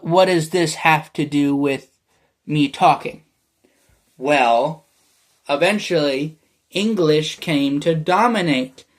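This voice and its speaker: A young man from the United States rambles through a solo vlog in a slightly raised voice, his American accent often taken for Canadian. The casual monologue meanders, packed with fillers, restarts and chuckles.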